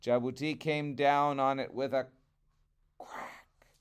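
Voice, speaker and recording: Male storyteller for children's trickster fables: smooth, unhurried, dramatic delivery. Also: mid-range voice, little pitch movement. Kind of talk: expressive children's storybook narration.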